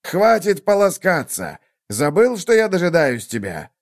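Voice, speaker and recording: A man's voice: high-pitched, huge pitch swings, a little slow, pitched above the performer's own voice, heavily acted. A man voicing a hungry, boastful male wolf who growls out threats, read as a storybook tale. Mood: blustering. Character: hungry, blustering male wolf, easily tricked.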